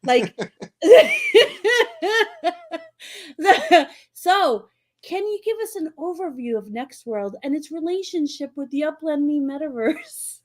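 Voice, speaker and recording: A woman's voice: high voice, very animated, takes it slowly. A woman hosting a podcast, joking with her guest and laughing often. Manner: laughs often, playful banter. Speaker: podcast host. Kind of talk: casual chat.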